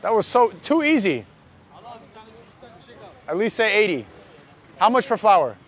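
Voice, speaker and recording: Out on New York's streets at night, this man runs a casual livestream, chatting with viewers and passersby in a loose, slangy way. He speaks unhurriedly in a high, somewhat bright voice that's very animated.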